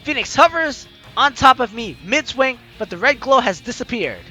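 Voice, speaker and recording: Game music accompanies a very high-pitched man reading a visual novel at normal speed. He's a let's play host, and his delivery is dramatic, theatrical, and animated.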